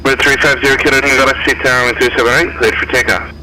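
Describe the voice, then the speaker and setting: A male air traffic controller comes through the aircraft radio, rattling off clearances in quick, clipped phraseology. His voice rides on a noisy radio channel. He sits at a middle pitch for a man. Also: level tone, pushed and bright. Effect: heard over aircraft radio.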